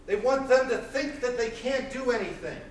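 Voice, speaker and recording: A man in his thirties preaching a sermon, pacing the stage of a small church with intense, loud delivery. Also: extremely high pitch, animated, moderate pace, slight background noise. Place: small church hall, indoors. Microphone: far camera, room mic. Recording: echoey church hall from far off.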